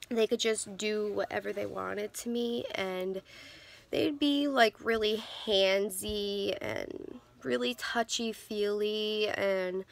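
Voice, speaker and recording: A woman's voice: mid-range voice, gravelly. A woman in her twenties vlogging to a phone camera, telling her stories candidly with lots of ums and restarts. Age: 20s. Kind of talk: casual storytelling to camera. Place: in a car.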